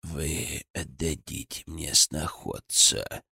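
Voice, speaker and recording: A man voicing a menacing old male ghost sorcerer in an audiobook, speaking slowly in a hollow, cracked, triumphant voice. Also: steady tone, vocal fry, sharp tone, breathy edge, no room sound, exaggerated voice. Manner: slow, low, triumphant menace. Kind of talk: audiobook character voice.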